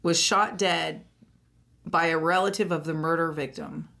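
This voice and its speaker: A woman's voice: low-pitched, fairly even intonation, unhurried, gravelly, sharp tone. A woman co-hosting a casual podcast, playing a guessing game in a blunt, playful way and laughing often. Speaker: podcast co-host. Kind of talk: casual chat over a party game.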